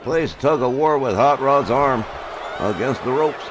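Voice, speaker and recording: A clearly noisy recording carries a man working as a wrestling commentator. His voice sits at a medium pitch. He calls the action move by move in short, clipped phrases, punctuated with exclamations. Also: measured pace, a crowd in the background.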